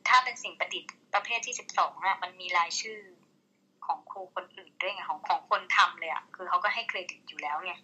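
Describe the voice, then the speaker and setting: A woman talks in a bright, sharp-edged tone with a husky, breathy grain. She is candid and gossipy, and drops casual swears. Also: lowish voice, fast, highs cut off. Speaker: teacher, interviewee. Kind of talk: casual chat.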